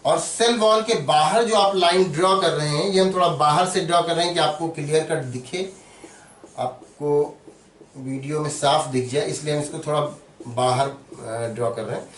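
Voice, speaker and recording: A man with a fairly high voice guides viewers through a drawing, patient and repetitive. He spells out key terms and says them again. The mic sits some way off in an echoey room. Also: moderate pace, a bit bright, recorded from a distance, a little hiss or hum. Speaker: biology teacher. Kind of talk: step-by-step drawing tutorial.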